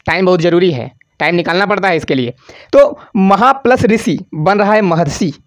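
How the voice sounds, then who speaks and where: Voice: medium pitch, lively intonation, moderate pace. A grammar teacher giving an exam-prep lesson over slides, asking the class questions and answering them, stretching out syllables on examples and repeating key words. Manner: casual, addresses students as "bhaiya".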